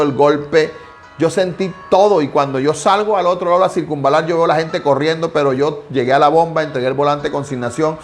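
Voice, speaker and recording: A man, a pastor preaching a devotional sermon and telling a personal testimony with emphatic repetition. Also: a little high. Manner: emphatic storytelling with heavy repetition.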